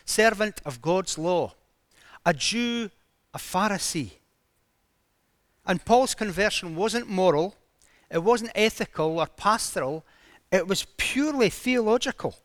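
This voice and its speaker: A man's voice: high-pitched, fairly bright tone, no room sound. A man preaching a sermon, retelling a story dramatically with emphatic rises in his voice.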